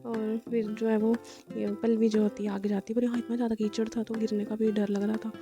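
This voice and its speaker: A woman's voice: on the high side, little pitch movement, fairly quick, over music. A young woman narrating her day out with a friend in a rambling, chatty vlog voice-over, full of fillers. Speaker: vlogger.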